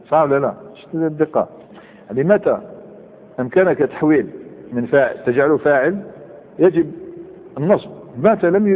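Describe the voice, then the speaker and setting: Guy teaching grammar to a class, keeps asking if they got it, sounds thin like over a phone. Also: on the high side. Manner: explains then quizzes students, repeats examples slowly. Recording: phone-like sound in a reverberant hall.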